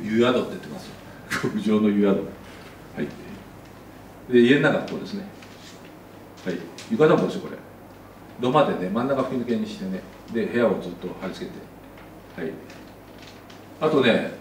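A man's voice: mid-range voice, darkish tone, roomy sound, recorded from a distance, a little hiss or hum, low-quality recording. A man giving a casual slide lecture as an architect, chatty, with many asides.

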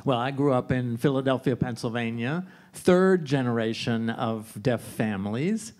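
A man interpreting live at a panel, speaking in the first person in a halting way and restating phrases. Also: mid-range voice, a little mellow. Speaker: interpreter voicing for a signing panelist. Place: auditorium during a live panel.

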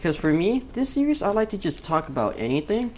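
A man's voice: sits high, sing-song, brisk, a little mellow, slight background noise. A man, a gaming YouTuber, talking casually over gameplay in a rambling, profane way with lots of fillers.

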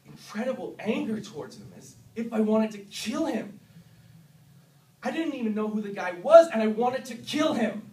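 A man in his twenties, voice on the high side, performs a dramatic monologue as a tormented young Vietnam veteran, bitter and self-loathing. His halting, emotional delivery swings between hushed and explosive. A distant camera mic in a classroom captures roomy sound with faint noise.

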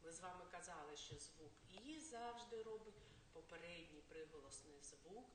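A woman kindergarten teacher giving a literacy lesson to small children, reading syllables slowly and telling little rhyming tales. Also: on the low side, lively intonation. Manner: slow, drawn-out syllable reading and rhyming storytelling. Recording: roomy, distant, faint hiss.

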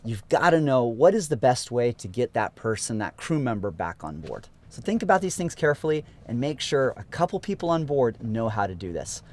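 Speaking in a mid-range, sing-song voice with a darkish tone, a man in his thirties teaches sailing aboard a boat outdoors. His casual lesson is upbeat and practical, delivered briskly with few pauses.

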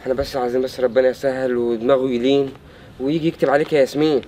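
An actor playing a pushy, teasing brother-in-law, speaking with an Egyptian accent. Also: male voice, mid-range voice, level tone, racing, mellow, a little hiss or hum, natural voice. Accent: Egyptian Arabic. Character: scheming brother-in-law who bullies a suitor.

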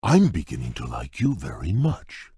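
An actor playing a shy, gentle male beast prince in a game, talking in a halting, bashful way with a husky, rumbling voice. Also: huge pitch swings, no echo, studio quality, heavily acted. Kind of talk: game voice clips.

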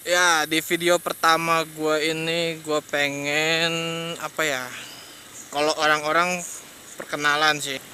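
A young man with a Jakarta accent talks in a slangy, hesitant ramble, laughing now and then as he rides. His voice sits a bit high and sounds bright and tense. A faint hum of traffic and engine runs under his talk. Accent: Jakarta Indonesian. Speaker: motovlogger. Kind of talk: casual rambling chat while riding. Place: riding a motorbike at night on city streets. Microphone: external mic on a helmet action cam. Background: traffic and engine noise.

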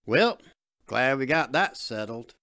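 A drawling redneck father, gruff on top but proud of his daughter, as a man acts him out. His pitch rises and falls freely, and the voice sounds close and dry, like a storybook audio reading. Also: expressive, takes it slowly, bright, forceful tone, no room sound, heavily acted. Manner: drawling dialect.

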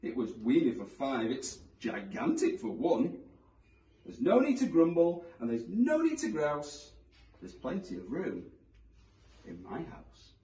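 A man voicing a fretful little old woman who wails and pleads in a shrill voice. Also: huge pitch swings, a little slow, dark tone. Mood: relieved. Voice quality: shrill, wailing. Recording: roomy, from a distance.

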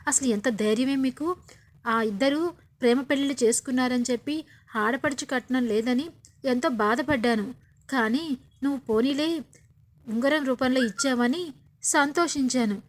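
A woman's voice: sits high, normal speed, long pauses, natural voice. A woman doing a furious, accusing sister-in-law. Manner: shouting, sarcastic.

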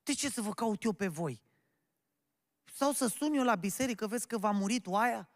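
Man doing a scolding older woman, indignant, raised pitch, church-hall reverb. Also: expressive.

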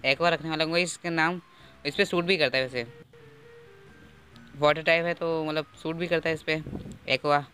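A gaming YouTuber narrates a playthrough with amateur voice dubbing, joking and poking fun at himself in a slightly high, pushed, bright male voice. He's recorded on an earphone mic held close to his mouth.

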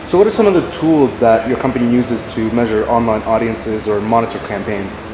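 A man's voice: mid-range voice, a little fast, over music. Male interviewer in an echoey hall. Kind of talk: interview questions. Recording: echoey hall with room noise.

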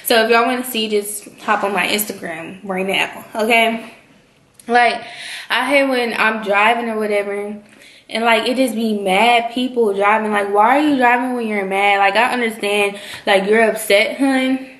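A woman's voice: mid-range voice, fairly even intonation, moderate pace, fairly bright tone. A young woman chatting casually to her viewers while eating, sassy and full of "like" and "y'all". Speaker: vlogger. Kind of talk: casual chat mukbang. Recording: echoey room.

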